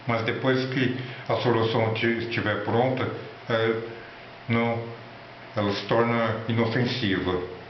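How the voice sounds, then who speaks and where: A man with a Brazilian accent giving an informal electronics tutorial and product rundown in a halting, instructional way. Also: on the low side. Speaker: electronics hobby presenter. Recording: roomy, echoey, dull lo-fi with faint noise.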